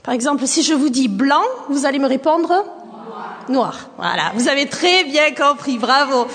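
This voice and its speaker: A woman's voice: high-pitched, lively intonation, moderate pace, a bit bright. A woman from southern France with a faint southern French accent, leading a group and asking questions, then repeating the answers back. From southern France, near Nîmes. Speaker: speaker leading a group activity. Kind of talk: lively group talk with questions. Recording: long hall reverb.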